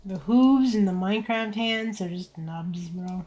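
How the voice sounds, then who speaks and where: A woman in her twenties chatting casually and thinking aloud while drawing on a stream, in a tired, low-energy, laid-back voice, into a desk mic. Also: a little slow, darkish tone. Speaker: VTuber streamer. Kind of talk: casual art stream chat. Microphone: desk microphone set to surround pickup.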